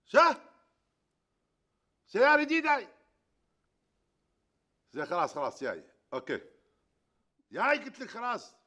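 A man playing the boastful comic lead of a sitcom, quick to rant. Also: very high-pitched, wildly swooping pitch, bright, forceful tone, lo-fi sound. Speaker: comedy lead. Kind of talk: sitcom acting.

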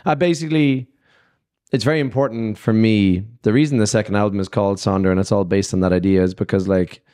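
This young man is a musician guest who talks fast in a fairly low voice, interviewed through a handheld mic in a festival's backstage lounge. Relaxed and meandering, he leans heavily on "like" and "you know."

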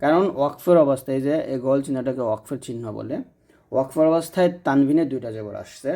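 A man's voice: mid-range voice, quick pace, dark tone. A man teaching Quran reading rules in a patient explanatory lesson, repeating points and checking that listeners follow.

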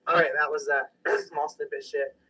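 A man's voice: a little high, flat delivery, moderate pace, sharp tone, slightly rough, distant mic, low-quality recording. A young man casually introducing his mixtape tracks, joking and boasting, getting over a sickness. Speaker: amateur rapper presenting his mixtape.

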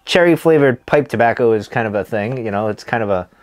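A man speaks casually in a medium-pitched voice, like a reviewer talking to his regular viewers. His delivery is laid-back and hesitant. Phrases often trail off as he pauses to puff on a cigar. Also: expressive. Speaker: cigar and pipe tobacco reviewer. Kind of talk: casual chat to camera. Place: small wood-paneled room, indoors.

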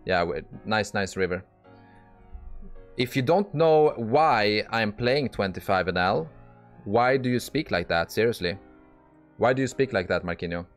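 Over soft background music, a poker streamer commentates live while playing online poker. His voice sits on the low side and is animated, with a measured pace. He's blunt and exasperated, swearing and often restarting his sentences.

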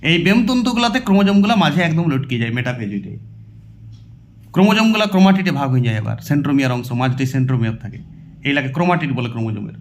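A man's voice: on the high side, lively intonation, racing, slight background noise. A man with a West Bengal Bengali accent teaching a biology exam-prep lesson, asking questions and answering them himself and repeating terms as he writes them out. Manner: explains by asking and answering his own questions; repeats terms while writing on a board.

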